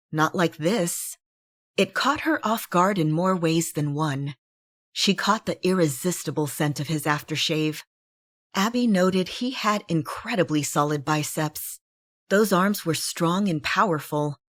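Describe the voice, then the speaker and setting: A woman giving a steady, expressive scripted reading of a romance novel. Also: low voice, dry recording, clean studio sound. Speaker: audiobook narrator.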